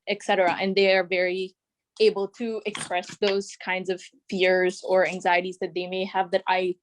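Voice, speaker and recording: A woman's voice: on the low side, a little hiss or hum. A young woman from Canada joining a video call as a guest, speaking thoughtfully with lots of "like" and "um". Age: young adult. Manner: thoughtful, many fillers like "like" and "um". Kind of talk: casual discussion.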